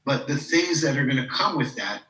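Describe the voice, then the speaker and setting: A man's voice: medium pitch, expressive, normal speed, pushed and bright, echoey room, distant mic, poor audio. A man in his fifties, a podcast guest and coach, talking reflectively in a casual interview and leaning on "you know". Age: 50s. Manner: reflective, leans on "you know", acts out quoted people. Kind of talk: casual interview talk with personal stories.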